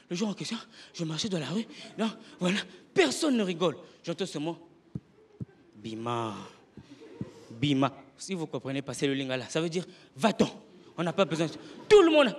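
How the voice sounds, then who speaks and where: A young stand-up comedian from Congo tells his story in a high, lively voice, jumping into the voices of the people in it. He is heard on a live stage with faint background noise. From Congo (Brazzaville). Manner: animated storytelling, acting out voices of others.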